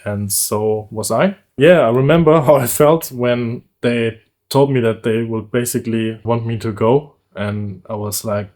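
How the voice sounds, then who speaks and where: Speaking a little slowly in a mid-range voice, a German-accented man in his thirties shares a candid personal story on his vlog, keeping it relaxed and chatty and laughing frequently.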